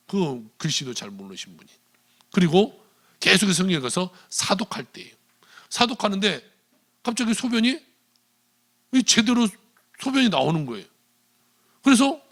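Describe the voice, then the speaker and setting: A male pastor preaching a sermon in a church, retelling a story with animated delivery and quoted dialogue. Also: high-pitched. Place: church sanctuary.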